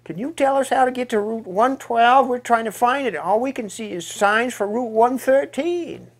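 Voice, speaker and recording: A man's voice: very high-pitched, normal speed, pitched above the performer's own voice. A man voicing a small, naive, eager male tourist in a folksy, exclamatory way. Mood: puzzled, asking.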